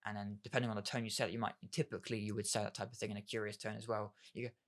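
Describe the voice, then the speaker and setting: A man's voice: fairly low pitch, level tone, racing. A man giving a casual talk on communication skills, rambling and leaning on filler phrases while he restarts sentences. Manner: rambling, leans on "obviously" and "kind of"; acts out sample dialogue in a brighter voice.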